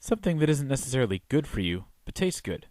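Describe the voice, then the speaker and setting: A man's voice: medium pitch, big pitch swings, fast talker, a little mellow, no echo, studio quality. A man narrating a scripted film review as the reviewer, in a wry, opinionated way.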